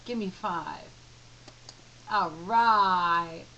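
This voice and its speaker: Slow, bright sing-song mother. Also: mid-range voice, muffled recording, slight background noise. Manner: coaxing, sing-song, repeats prompts. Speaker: mother filming her toddler. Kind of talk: home video baby talk.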